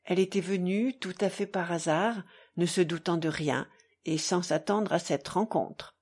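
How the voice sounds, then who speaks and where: Breathy woman narrating an audiobook. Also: on the low side, unhurried, darkish tone. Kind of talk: audiobook reading of a classic novel.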